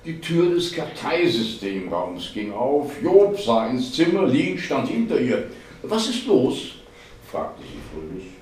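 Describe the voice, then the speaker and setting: A man giving a literary reading of a novel at a public event, narrating in a measured, expressive way. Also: mid-range voice. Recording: echoey hall, voice far from mic.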